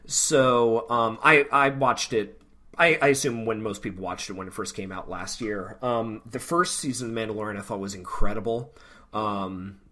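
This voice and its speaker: A man's voice: lowish voice, sharp tone. A man co-hosting a podcast in casual chat, rambling with many ums. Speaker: podcast co-host.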